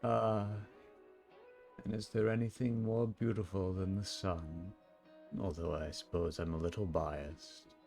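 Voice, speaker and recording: A man playing a calm, wistful ancient sun champion, speaking slowly and solemnly in a live role-play. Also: low voice, vocal fry, soft background music. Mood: reflective. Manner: slow, reflective, solemn storytelling.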